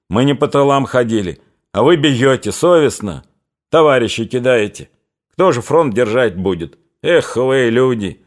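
A man's voice: medium pitch, natural voice. A man voicing an embittered young male Cossack in a spoken audiobook.

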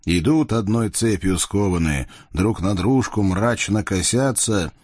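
A man narrating a folk-style tale in a lilting storybook manner. His voice sits low and husky. The recording is dry and close. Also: unhurried, darkish tone, no echo.

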